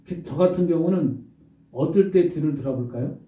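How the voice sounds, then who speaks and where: A male pastor preaching a sermon, telling the story with lively rhetorical questions. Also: on the high side, normal speed. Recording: roomy distant dull recording.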